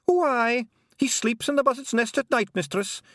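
A man's voice: extremely high pitch, moderate pace, a bit bright, no room sound, clean studio sound, pitched above the performer's own voice. A man voicing a tiny, shy, polite pixie man in a kilt, speaking with a Scottish accent and deferring to his mistress. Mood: chatty. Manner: hesitant, deferential.

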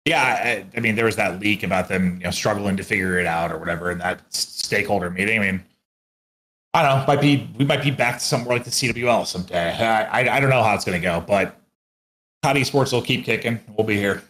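This man, an esports commentator who co-hosts a podcast, talks fast in a fairly low, fairly bright voice. His chat is casual and blunt, full of swearing and colloquial phrasing.

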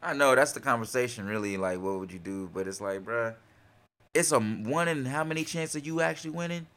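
A young man from North Carolina co-hosting a casual podcast, talking in relaxed slang and getting loud and laughing when he's excited. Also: mid-range voice, a little fast. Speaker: podcast co-host. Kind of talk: casual chat.

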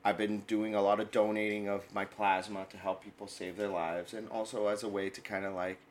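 With a lowish voice and a brisk delivery, this young podcast co-host from New chats casually about food, laughing often, telling animated stories and getting loud when excited. A little hiss or hum sits in the recording.

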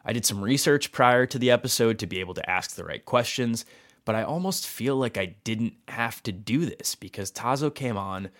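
A man's voice: mid-range voice, expressive, normal speed, a bit bright. A man hosting a podcast, introducing interviews and chatting with guests in a conversational, enthusiastic way. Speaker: podcast host. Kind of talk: podcast host narration and interview.

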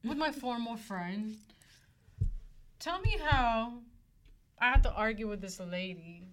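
A woman with a somewhat high voice hosts a casual chat show. She talks with animated energy and acts out other people's lines as she tells stories. Her delivery is conversational and unscripted. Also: slow pace. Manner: animated storyteller, acts out dialogue. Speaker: podcast co-host.

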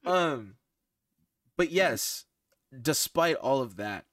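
A man hosting a casual podcast with friends, telling a story in animated, mock-exasperated bursts. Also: a little high, very slow, no echo, studio quality. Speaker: podcast host. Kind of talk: casual chat among friends.

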